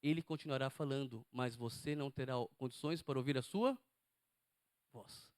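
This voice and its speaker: A man's voice: medium pitch, normal speed, darkish tone, no echo, clean studio sound. A man preaching a sermon to a congregation, emphatic and often asking them questions.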